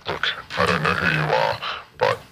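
A man's voice: normal speed, creaky, sharp tone, heavily acted. A man voicing a nervous anonymous caller who stammers and speaks through a voice changer app. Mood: fearful. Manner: hesitant, stammering, fearful. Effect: voice changer, deep distorted. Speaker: game master. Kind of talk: tabletop roleplay acting.

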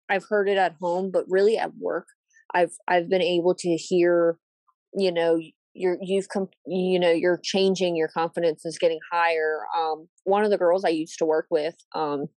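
A reflective woman sharing her progress in a relaxed talk, pausing and restarting her sentences often. Her voice sits on the low side and sounds dry and close, with no room around it. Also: dry recording. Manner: reflective, halting, frequent "um" and repeated starts. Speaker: coaching client and guest host. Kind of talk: casual chat.

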